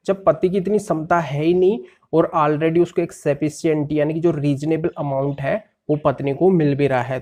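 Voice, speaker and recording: A man's voice: a little high, dark tone. A male lawyer explaining a court ruling step by step and rephrasing legal terms in plain words.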